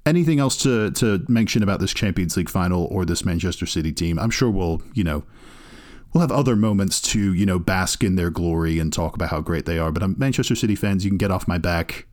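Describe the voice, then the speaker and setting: Brief: low male podcast co-host, opinionated, teasing, filler-heavy. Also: fast talker, darkish tone. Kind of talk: casual sports chat.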